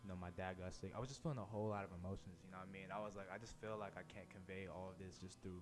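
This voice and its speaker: A man's voice: deep voice, fairly even intonation, very fast. A young man in his twenties, from Indonesia, talking loosely and rambling as a musician guest in a casual live interview. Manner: loose, rambling, heavy use of "like" and "bro".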